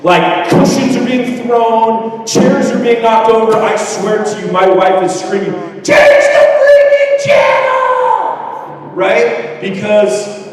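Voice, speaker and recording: Delivering a graduation speech as a teacher, a man in his thirties speaks with a voice that sits high and has a darkish tone. His humor is candid and self-deprecating, and he's picked up from far off in a large hall by a distant mic, with plenty of echo.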